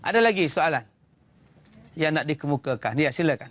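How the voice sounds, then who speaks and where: A man's voice: fairly high pitch, animated, fairly quick, fairly bright tone. A man with a Malaysian Malay accent giving a religious lecture, answering audience questions and telling funny stories with acted-out voices. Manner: humorous storytelling, acts out voices. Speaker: preacher.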